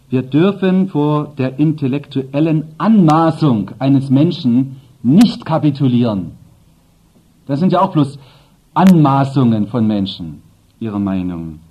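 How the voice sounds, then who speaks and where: An animated male preacher whose pitch swings widely as he presses his points and turns to the congregation with asides. His voice is husky. The sermon recording is dull and lo-fi.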